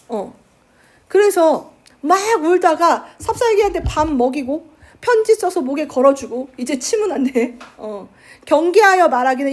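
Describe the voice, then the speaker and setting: A woman teacher giving a chatty literature lecture, acting out the characters' lines in quick asides. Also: sits high, darkish tone. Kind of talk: lively lecture retelling a classic novel.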